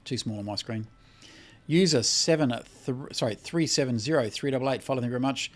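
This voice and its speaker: This tired Australian man runs a casual credit repair livestream, reading chat comments aloud and answering bluntly, swearing freely. His mid-range voice moves fast.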